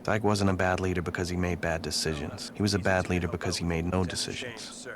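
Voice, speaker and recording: War drama narrator, male actor, American soldier looking back, deep voice over score. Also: fairly even intonation, fast talker, close to an everyday voice. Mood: reflective, measured. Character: reflective American army sergeant recalling the war. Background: music.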